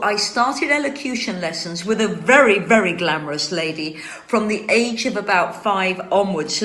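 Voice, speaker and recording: Speaking from a room at home, a woman in her 60s hosts a relaxed chat and answers viewer questions, her articulation carefully trained and precise. Her voice is medium in pitch and fairly bright, and the room gives it an echo.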